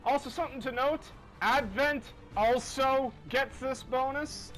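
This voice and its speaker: A man's voice: very high voice, steady tone, measured pace, poor audio. A man giving casual, rambling, self-deprecating commentary while playing a video game. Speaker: gaming commentator. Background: faint game music.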